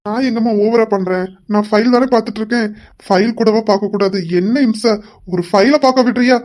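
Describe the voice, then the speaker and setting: A woman's voice: on the high side, fairly even intonation, a little fast, a little mellow, close to an everyday voice. A woman voicing a busy young police husband who brushes off his wife with teasing banter, in a fan audio drama. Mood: dismissive. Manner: dismissive, bantering.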